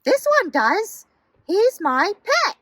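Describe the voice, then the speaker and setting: Lady doing a super high bright little girl from a storybook, earnest, unhurried. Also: very animated, a little hiss or hum, full character voice. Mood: proud, playful. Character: earnest, devoted little girl with pet tree. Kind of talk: storybook character reading.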